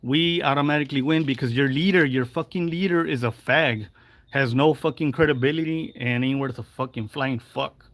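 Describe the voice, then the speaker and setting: A man's voice: medium pitch, normal speed, fairly bright tone, dry recording. A man in his forties ranting on a livestream, heated and profane, slipping in Spanish phrases. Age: 40s. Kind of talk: angry livestream rant.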